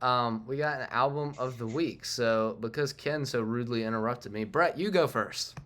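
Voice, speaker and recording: A man co-hosting his band's podcast, joking and teasing as he moves the talk along. His voice sits at a middle pitch. He talks in a loose, casual way. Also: moderate pace, fairly bright tone. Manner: joking, teasing, steers the show. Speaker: podcast co-host, band member. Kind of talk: casual chat.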